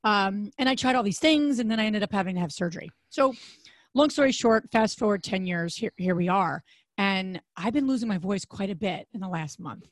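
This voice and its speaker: A woman co-hosting a podcast in a casual chat, her voice raspy and hoarse, with a chatty manner full of restarts. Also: lively intonation, fairly quick, no room sound. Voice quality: raspy, deep voice. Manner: chatty, frequent restarts and fillers. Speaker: podcast co-host.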